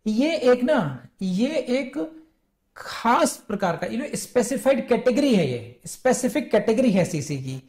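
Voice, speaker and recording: A woman with an Indian English accent teaching an exam-prep law lecture. She mixes Hindi and English and reads the statute text slowly, word by word, before explaining it. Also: a little high, big pitch swings, a little mellow.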